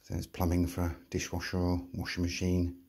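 A man's voice: deep voice, completely flat delivery, brisk, darkish tone. A man with an English accent giving a plain, matter-of-fact walkthrough of a shop building, filmed on a handheld phone as he walks the empty rooms. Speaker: property seller giving a walkthrough. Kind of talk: casual property tour narration. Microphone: handheld phone, walking.

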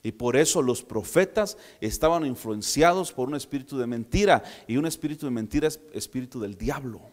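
A man from preaching a sermon, retelling a story with lively, humorous asides to his congregation. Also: mid-range voice, fairly quick, long reverb tail. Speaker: pastor.

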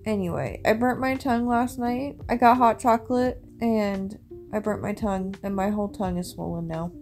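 A woman's voice: medium pitch, normal speed, darkish tone, soft background music. A young woman in her twenties talking to her phone camera in a casual vlog, tired and rambling with lots of fillers, first from bed and then indoors in a small rental house. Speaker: content creator. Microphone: phone held at arm's length.

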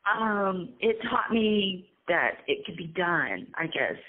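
Woman, nervous, hesitant, lowish pitch, tinny phone line. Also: sing-song, slight background noise. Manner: hesitant, halting, with frequent ums. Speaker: incarcerated interviewee. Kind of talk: casual conversational storytelling.

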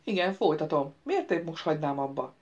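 A woman's voice: sits low, expressive, a little mellow, highs cut off. A woman voicing a proud young prince who answers back defiantly and sarcastically.

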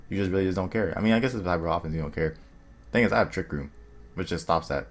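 A young man casually commentating his own online game, thinking aloud and muttering quick asides to himself. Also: low-pitched. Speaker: gaming video creator. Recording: faint music underneath.

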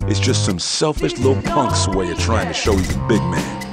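A man's voice: lowish voice, expressive, moderate pace. A man voicing a brash male DJ hosting a pirate radio broadcast, with slangy, swaggering, sing-song patter. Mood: hyped. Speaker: radio DJ host. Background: hip hop music.

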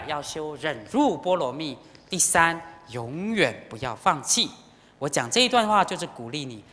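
A Buddhist dharma teacher giving an animated sermon in a temple, telling stories with feeling and often turning to the audience directly. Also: mid-range voice. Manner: animated, emotional storytelling with direct appeals. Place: temple lecture hall. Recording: long hall reverb.

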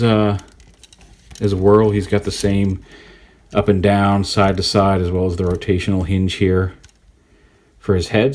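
A man giving a relaxed, rambling hands-on toy review, thinking aloud as he poses the figure. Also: deep voice. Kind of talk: casual hands-on product review.

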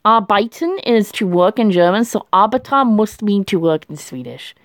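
A woman's voice: medium pitch, lively intonation, moderate pace, no room sound, clean studio sound. A woman vlogger chatting casually to herself as she works through a quiz, laughing often. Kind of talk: casual thinking aloud while doing a language quiz.

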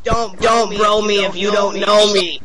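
A man voicing a whiny, childish troll kid who shouts and wails repetitively in game voice chat. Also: high-pitched, steady tone, measured pace, over a noisy crowd, rough recording. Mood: whiny defiance.

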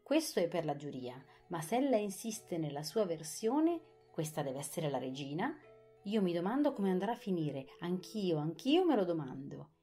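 A woman's voice: on the low side, big pitch swings, normal speed, dark tone, soft background music. A woman reading an audiobook, voicing a fussy, self-satisfied king. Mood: pondering. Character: fussy pompous King of Hearts, fictional storybook king.

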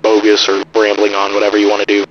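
A low-voiced man comes through a cheap AM radio style filter that strips out the bass and treble and crushes the sound. He rambles loosely, as if improvising. A faint hiss sits under the filtered playback. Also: completely flat delivery, fast. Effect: lo-fi AM radio style filter, thin and crushed. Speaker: tutorial maker. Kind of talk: casual unscripted tutorial.

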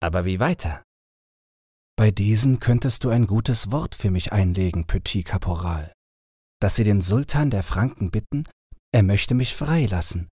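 A man's voice: lowish voice, expressive, moderate pace, darkish tone, breathy edge, no echo, clean studio sound. A man voicing a homesick, pleading young boy in a storybook reading, with an earnest, plaintive manner.

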